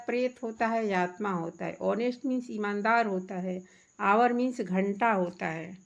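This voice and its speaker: A woman's voice: a little high, dull audio. A woman teacher, patiently explaining a workbook lesson to children, asking questions and answering them herself.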